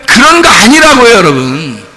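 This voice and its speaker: High, animated, bright male preacher. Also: normal speed. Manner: animated, rhetorical questions to the congregation, bursts of shouting. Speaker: pastor. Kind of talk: sermon. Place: church.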